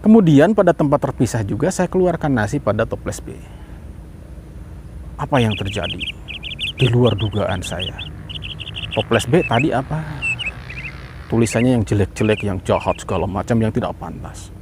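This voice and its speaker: A man, a parent, talking casually to viewers about an experiment he ran at home, lively and rising in pitch as he gets excited, briefly acting out the words he spoke. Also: normal speed, long pauses, noisy background. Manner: acts out quoted voices mid-talk.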